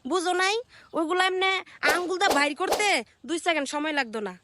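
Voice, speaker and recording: Really high-pitched bangladeshi woman mocking someone on a reaction vid, loud hiss behind her. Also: quick pace. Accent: Bangladeshi colloquial Bengali. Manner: mocking, scolding, sarcastic. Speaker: content creator. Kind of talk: ranting reaction video.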